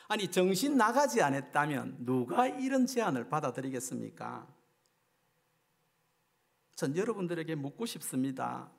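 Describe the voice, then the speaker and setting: A man's voice: high-pitched, creaky. A middle-aged man preaching a sermon at a revival meeting, emphatic and firing rhetorical questions at the congregation.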